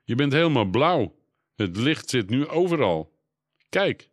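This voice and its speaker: A man voicing a lively, excitable young girl in a storybook reading, lifting his voice higher and speaking with urgent brightness. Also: normal speed, no room sound, studio quality, lightly acted. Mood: excited.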